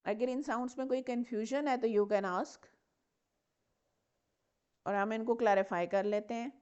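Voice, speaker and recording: A woman's voice: a little high, fairly even intonation, unhurried, darkish tone, smooth. A woman teacher, giving a patient step-by-step lecture on English consonants and repeating example words. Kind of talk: classroom lecture mixing Hindi and English. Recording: muffled lo-fi recording.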